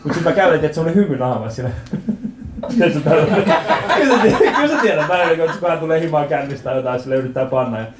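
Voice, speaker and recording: A man in his thirties doing a stand-up comedy set in a club, telling stories with animated acted-out voices and lots of swearing. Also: on the high side, heavy background noise. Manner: animated storytelling, acts out quoted voices, swears freely. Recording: roomy club with audience laughter.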